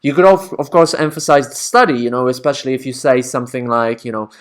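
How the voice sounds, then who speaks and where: A man's voice: medium pitch, fast. A man teaching academic writing in a casual, conversational way, often checking in with the listener. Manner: conversational, checks in with frequent "right?".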